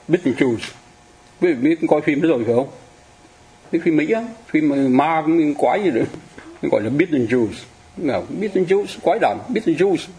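A man with a mellow, dark-toned voice gives a relaxed Buddhist lesson, talking straight to his audience. He drifts into chatty asides and slows right down whenever he chants a mantra. A faint hiss of noise sits under the recording. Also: medium pitch. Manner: chatty and digressive, addresses listeners directly, chants mantras slowly. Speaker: Buddhist teacher. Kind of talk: casual lecture on Buddhist star deities.

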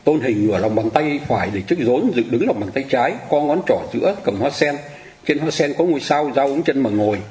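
A man teaching a casual Buddhist lesson, speaking to his listeners directly, wandering into asides and slowing down to chant mantras. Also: medium pitch, expressive, a little mellow. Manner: chatty and digressive, addresses listeners directly, chants mantras slowly. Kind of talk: casual lecture on Buddhist star deities.

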